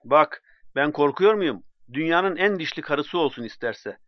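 A man voicing a drunken, boastful middle-aged man who shouts and taunts, in a storybook reading. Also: on the high side, lively intonation, unhurried, dry recording, lo-fi sound, pitched above the performer's own voice. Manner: slurring swagger, shouting and taunting.

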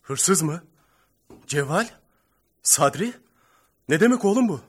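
A man's voice: a little high, expressive, slow, breathy edge, full character voice. A man playing a shaken middle-aged police chief who is a father, in a radio play. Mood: bewildered.

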